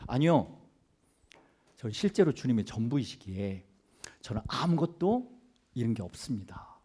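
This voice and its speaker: A preacher voicing a calm steadfast minister. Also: male voice, medium pitch, moderate pace, slightly rough. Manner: calm, gently firm. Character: calm steadfast male preacher answering reporters.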